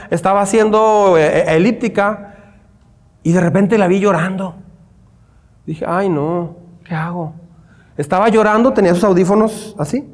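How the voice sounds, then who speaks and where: High-voiced Mexican pastor preaching. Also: male voice, in a large hall. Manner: humorous, storytelling, repeats phrases for emphasis. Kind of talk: sermon. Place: church.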